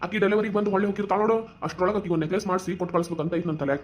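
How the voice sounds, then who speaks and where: A voice actor playing a soft-hearted older village father in a family cartoon, speaking North Karnataka Kannada in a rapid, affectionate, reassuring way. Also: medium pitch, a little hiss or hum, natural voice. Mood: explaining, caring.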